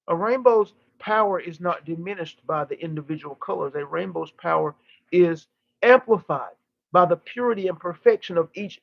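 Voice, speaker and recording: A man with a high voice delivers channeled teaching in the manner of a seance medium. He speaks in oratorical, formal phrases, repeating himself and pausing deliberately for emphasis. The recording is dull and dry, with little room sound. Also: gravelly, no echo. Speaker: channeler giving a live session.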